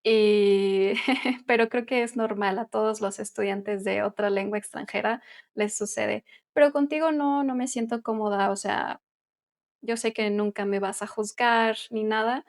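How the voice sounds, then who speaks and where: Speaking a little slowly in a steady, medium-pitched voice, a Mexican Spanish teacher chats as a podcast co-host. She explains things in a relaxed, conversational way, laughing lightly.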